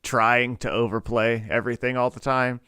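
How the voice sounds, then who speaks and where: A man's voice: medium pitch, normal speed, clear, resonant tone, no room sound, studio quality. A man in his thirties co-hosting a parenting podcast, telling loose stories full of fillers. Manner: relaxed storytelling, many fillers. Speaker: podcast co-host. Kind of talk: casual chat.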